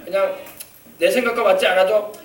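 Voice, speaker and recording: Pastor addressing kids, lively and questioning; man with very high voice, far from mic. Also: fairly quick. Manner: animated, coaxing, asks the children questions. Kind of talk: children's sermon. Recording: echoey church from far off.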